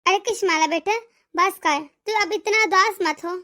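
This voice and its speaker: A woman voicing an elderly widowed mother in a cartoon story, soft and pleading. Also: extremely high pitch, fairly even intonation, moderate pace, no room sound, studio quality, far from the mic. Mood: soothing. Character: elderly widowed mother, meek and self-effacing. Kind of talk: cartoon voice acting.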